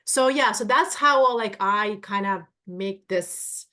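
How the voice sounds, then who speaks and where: A woman's voice: medium pitch, slow, bright, forceful tone. A woman in her fifties from Russia, speaking English with a Russian accent as a guest on a livestream interview, chatty, with many fillers and restarts. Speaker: guest accountant.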